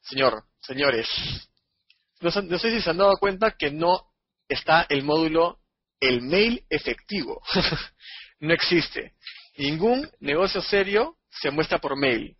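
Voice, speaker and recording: A man teaching a live sales course, animated and acting out phone calls. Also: on the high side, slow pace, slightly rough, no echo. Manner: animated, acts out phone dialogues. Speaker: course instructor. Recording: muffled audio.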